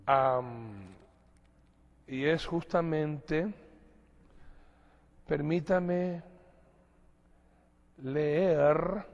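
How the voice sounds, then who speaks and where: A man's voice: on the high side, long reverb tail. A man from preaching a sermon, emphatic and repetitive, often calling his listeners brothers. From Guayaquil, Ecuador. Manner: emphatic, repeats words, addresses listeners as brothers.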